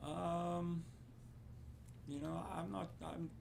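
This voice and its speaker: An older man from Ohio, a basketball coach answering interview questions in a halting way, with many fillers and restarts. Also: a little high, little pitch movement, gravelly, darkish tone, a little hiss or hum. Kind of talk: casual interview.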